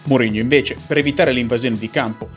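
A man's voice: mid-range voice, fairly even intonation, fast, soft background music. A man narrating a scripted, play-by-play retelling of football action.

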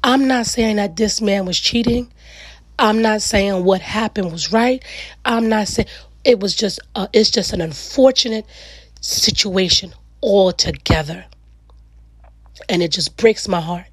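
A middle-aged woman with a raspy, gravelly voice hosts a solo reflective talk, speaking earnestly and emphatically in weighty repeated phrases. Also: medium pitch, unhurried, no echo. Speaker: podcast host.

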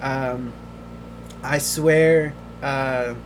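A man hosting a podcast in casual chat, emotional and halting, often restarting his words. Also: medium pitch, steady tone, a little hiss or hum. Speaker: podcast host.

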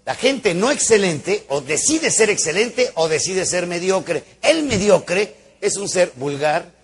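A man gives a motivational talk to a live audience in a somewhat high, husky voice. He tells stories theatrically and with humor, acting out voices and sounds. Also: sing-song, a little slow. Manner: theatrical, joking storyteller who acts out voices and sounds. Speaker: motivational speaker.

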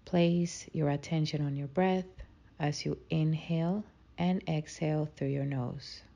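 A woman leading a guided meditation in a slow, soothing, calming manner. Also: sits low, gravelly, dull audio.

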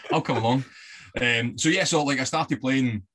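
A man from the west of Scotland, a guest on a podcast, chats casually and tells stories with easy fillers and laughs. His mid-range voice is a bit bright and measured in pace, with a little hiss or hum in the audio.

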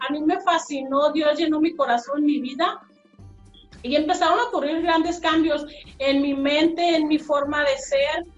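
High-voiced Mexican woman on echoey call. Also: steady tone, a little slow, soft background music. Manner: earnest, emotional retelling. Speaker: interview guest. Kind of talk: personal storytelling. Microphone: remote call. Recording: echoey, dull remote call audio.

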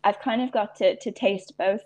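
A young woman with an Irish accent talks as a podcast guest. She is reflective and unhurried, and often restarts a thought before finishing it. Her voice sits at an ordinary middle pitch. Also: fairly even intonation, a little mellow. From Ireland. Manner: reflective, frequent restarts and fillers. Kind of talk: casual interview chat.

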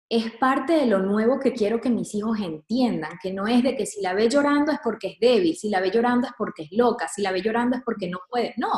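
A woman's voice: a little high, darkish tone, echoey room. A woman speaking earnestly and reflectively about motherhood in casual conversation, dropping in English words now and then.

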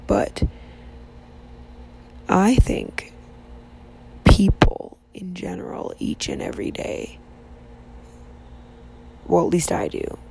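Female podcast host, drowsy and hushed, slow mellow delivery, rambling monologue. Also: lowish voice, vocal fry, slight background noise, rough recording. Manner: soft, half-whispered talk while her child sleeps; rambling, with many restarts and fillers. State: sleepy, yawning. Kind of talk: casual faith podcast monologue.

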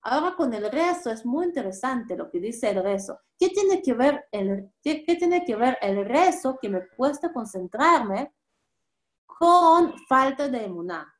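A woman's voice: high voice, measured pace. A woman giving a spoken religious lesson, a mother who asks and answers her own questions. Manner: animated, acts out everyday voices. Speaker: religious teacher.

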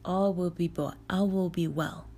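A small magic doll that speaks in a soft, calm and comforting way, as a woman storyteller voices it. Her voice stays low and unhurried. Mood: soothing. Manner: soft, soothing.

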